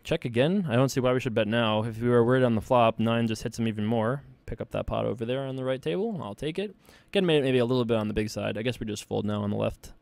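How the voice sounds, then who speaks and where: Male host, casual poker commentary, thinking out loud, jokey, medium pitch, dry close sound. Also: fast, vocal fry, hardly any pauses, no room sound. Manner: thinks aloud, relaxed and joking, many fillers. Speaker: poker player and show host. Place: home desk setup.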